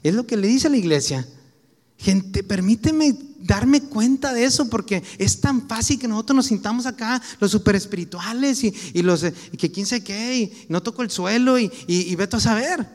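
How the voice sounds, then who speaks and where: Mexican male preacher, high register, relaxed anecdotal sermon delivery with slang; long hall reverb. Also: moderate pace. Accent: Mexican Spanish.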